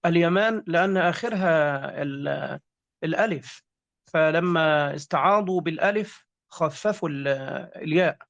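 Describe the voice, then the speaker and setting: Man, Egyptian accent, patient teacher, a bit high-pitched, muffled lo-fi sound. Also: normal speed, vocal fry, a bit bright, no echo. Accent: Egyptian Arabic. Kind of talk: explaining grammar in a lesson. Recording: dull lo-fi sound.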